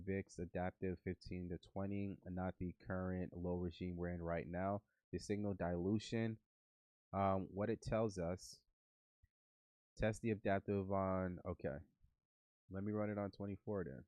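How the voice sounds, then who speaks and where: This livestream host codes trading bots in a casual stream, muttering to himself and the bots and sounding nasal from a fading flu. He speaks low-pitched with a darkish tone, little pitch movement and a moderate pace, with no echo.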